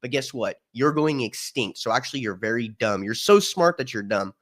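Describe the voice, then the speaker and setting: A man's voice: medium pitch, normal speed. A man speaking as a guest in a casual chat, telling stories animatedly and acting out quoted people. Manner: animated storyteller, acts out quotes.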